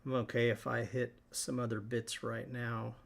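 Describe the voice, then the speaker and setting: Male host, gravelly, mid-pitched, relaxed live painting tutorial. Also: moderate pace. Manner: relaxed, thinking aloud while working.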